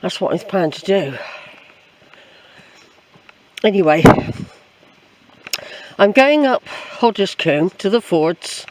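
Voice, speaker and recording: A woman's voice: mid-range voice, lively intonation, takes it slowly, pauses often, a little hiss or hum. An older woman with an English accent records a casual walking vlog out in the woods. She rambles in a chatty, reflective way, often repeating her phrases. Her voice is picked up by the camera she carries along the trail. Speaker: hiking vlogger. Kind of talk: casual rambling walk commentary. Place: outdoors on a woodland trail.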